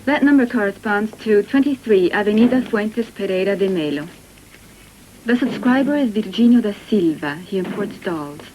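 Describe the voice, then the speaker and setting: A polite young woman clerk who speaks in precise, formal phrases. Her voice comes from a worn videotape copy, with a clear hiss running under every line. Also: medium pitch, moderate pace. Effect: worn videotape copy with steady hiss. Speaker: clerk giving out a subscriber's address. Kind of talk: 1970s dubbed film acting.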